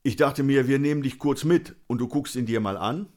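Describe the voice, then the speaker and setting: Man doing a veteran cop, easygoing, good-natured, calm, slightly raised voice. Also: mid-range voice, brisk, pitched above the performer's own voice, close to an everyday voice. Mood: matter-of-fact. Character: older easygoing police officer, good-natured but tough.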